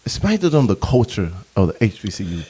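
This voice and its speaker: A man's voice: fairly low pitch, very animated, brisk, warm tone, breathy edge. A man hosting a casual interview podcast, laid-back and laughing easily as he hypes up his guest. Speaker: podcast host.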